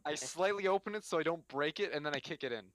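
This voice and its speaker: Male player, eager and impulsive, fairly high, dry. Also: quick pace, fairly bright tone, dry recording. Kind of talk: casual tabletop role-play.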